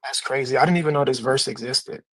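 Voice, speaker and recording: A man's voice: mid-range voice, fast talker, a bit bright, no room sound. A man chatting casually during a debate, saying bro and crazy. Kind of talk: casual chat.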